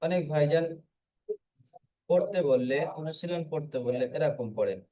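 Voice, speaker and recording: A man's voice: on the high side, animated, normal speed, warm tone, low-quality recording. A man teaching an online Quran reading class, patiently spelling letters aloud and having students repeat after him.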